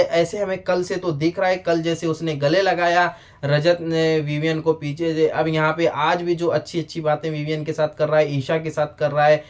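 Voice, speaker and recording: Animated high-voiced man reviewing. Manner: animated, addresses the show directly, frequent "bhai sahab". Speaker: reality show reviewer. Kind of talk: casual video review.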